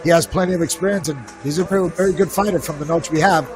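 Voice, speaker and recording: A man giving casual live color commentary on a fight, conversational and halting, often tripping on the starts of words. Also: fairly high pitch. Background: music.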